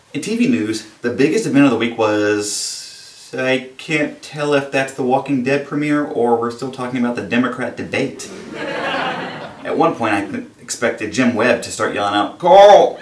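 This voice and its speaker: A man's voice: medium pitch, expressive, moderate pace, background noise. Sarcastic male comedy host, roomy sound. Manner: wry, sarcastic delivery. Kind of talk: satirical news commentary. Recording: roomy, distant mic with music and audience laughter.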